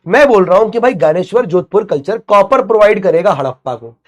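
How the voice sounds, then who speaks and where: High-voiced chatty male teacher. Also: lively intonation, fast talker. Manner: chatty, asks and answers his own questions, mixes English terms. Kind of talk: online lecture.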